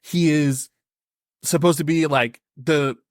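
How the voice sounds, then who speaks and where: Male podcast co-host, thirties, animated and emphatic, higher-pitched, dry recording. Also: takes it slowly, no echo. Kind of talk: casual podcast chat.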